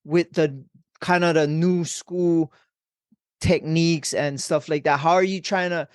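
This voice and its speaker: A man's voice: fairly high pitch, fairly even intonation, a little slow, smooth, no room sound, studio quality. A man with a local Hawaiian accent hosting a casual interview, laid-back and slangy with lots of bro talk. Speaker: podcast host.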